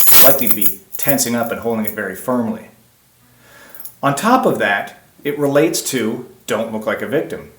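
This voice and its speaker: A man's voice: medium pitch, roomy sound. A man teaching a self-defense class, emphatic and direct, often asking questions and then answering them himself. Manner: emphatic, asks and answers his own questions. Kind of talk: instructional presentation.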